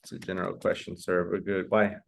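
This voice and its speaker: Guy teaching english class, lowish voice, slow patient explaining, quizzing students. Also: completely flat delivery, vocal fry. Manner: patient, explains slowly, repeats examples and quizzes students by name.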